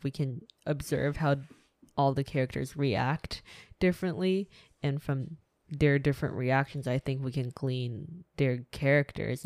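A woman's voice: low-pitched, a little mellow, no echo. A woman co-hosting a casual book discussion podcast, retelling scenes and paraphrasing what characters say. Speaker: podcast co-host.

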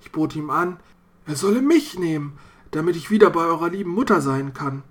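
A narrator voicing a grieving, guilty old father who speaks slowly and solemnly. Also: medium pitch, lively intonation, pitched above the performer's own voice, close to an everyday voice. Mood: grave.

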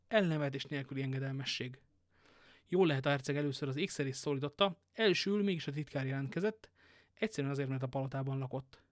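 A man reading a novel aloud, a lively storyteller who adds casual joking asides. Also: medium pitch, no echo, clean studio sound. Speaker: audiobook reader.

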